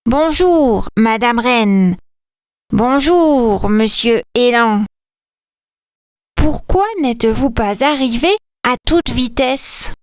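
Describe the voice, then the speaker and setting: An eager little male Christmas elf from a children's storybook, polite and lively in a high voice, as a woman puts him on. He greets everyone slowly and clearly, and the sound is close and dry. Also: no room sound.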